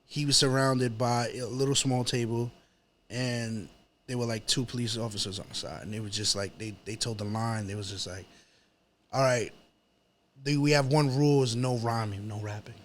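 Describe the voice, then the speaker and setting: The interview guest is a New York City rapper, chatting in an apartment with his New York accent, and his stories come out slangy and repetitive. His mid-range voice holds a steady tone at normal speed over slight background noise.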